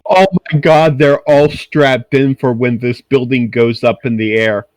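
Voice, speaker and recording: Excitable man at the game table. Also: medium pitch, unhurried, no room sound, rough recording. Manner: excitable, speculating aloud. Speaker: player. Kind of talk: casual tabletop game chat.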